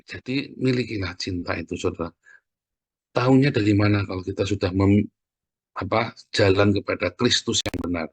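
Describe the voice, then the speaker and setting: Husky Indonesian preacher, close and dry. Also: male voice, on the low side, moderate pace, no echo. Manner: conversational preaching, addresses listeners as "saudara". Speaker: pastor. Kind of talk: sermon.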